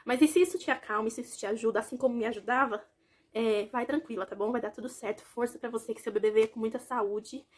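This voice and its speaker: A woman's voice: fairly high pitch, steady tone, fast talker. A young woman from Brazil, a vlogger telling a personal story in a chatty way, talking straight to her viewers. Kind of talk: casual personal story to camera.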